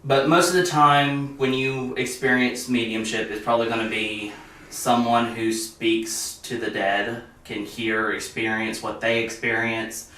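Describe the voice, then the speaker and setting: A man's voice: mid-range voice, little pitch movement, measured pace, sharp tone. A young man talking as a guest on a casual podcast, earnestly explaining at length. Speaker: guest, medium. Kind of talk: casual interview. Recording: very echoey room, distant mic.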